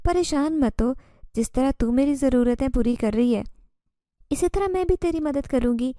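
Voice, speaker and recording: A woman's voice: high-pitched, warm tone, no room sound, clean studio sound, natural voice. A woman voicing a homeless female jinn mother who speaks in a strange, coaxing, familiar tone. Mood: pleading.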